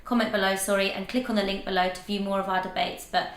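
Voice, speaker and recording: A woman co-hosting a casual discussion, talking in an animated way and thinking aloud. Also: mid-range voice, fast. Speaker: co-host. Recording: roomy echo.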